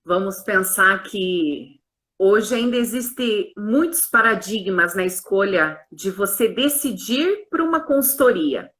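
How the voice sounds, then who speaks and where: A woman's voice: medium pitch, expressive, slow, a bit bright. A woman, a pharmacist and consultant, explaining her work earnestly in a live-stream conversation. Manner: earnest, explanatory, uses tag questions. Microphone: online live stream.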